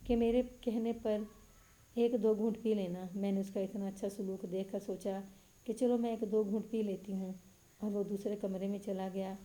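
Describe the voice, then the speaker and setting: Flat-voiced woman reading a story. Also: poor audio. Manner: steady, even reading with little pitch movement. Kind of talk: scripted story narration.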